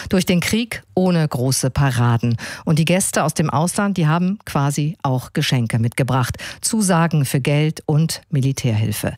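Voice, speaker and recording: A woman presenting a radio news show from a studio, in a clear, measured news-reading manner. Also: sits low, a little mellow, no room sound.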